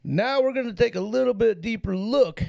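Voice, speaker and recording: A man with a high, gravelly voice co-hosts a casual true-crime podcast. He talks with heavy sarcasm and plenty of swearing. He breaks into laughter between his points. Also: animated, normal speed, a little mellow, highs cut off. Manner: sarcastic, profane, laughs often. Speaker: podcast co-host.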